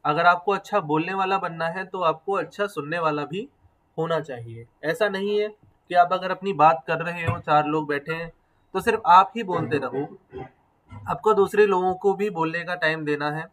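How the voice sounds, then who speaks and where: High-voiced man teaching a class. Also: moderate pace, fairly bright tone, poor audio. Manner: explains step by step, asks the class questions, mixes in English phrases. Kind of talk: classroom lecture.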